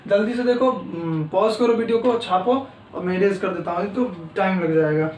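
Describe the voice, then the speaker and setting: A man's voice: sits high, normal speed, darkish tone, roomy sound, recorded from a distance, a little hiss or hum, rough recording. A male teacher giving an exam-prep lecture, talking straight to his students and repeating key terms as he writes on the board. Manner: talks to students directly, repeats key terms while writing.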